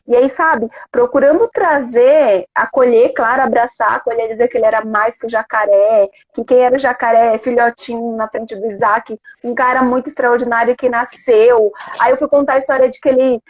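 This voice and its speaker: A woman hosting a casual conversation, telling stories in an animated way. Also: fairly high pitch, moderate pace, hardly any pauses, poor audio. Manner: animated, storytelling, acts out quotes. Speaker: host.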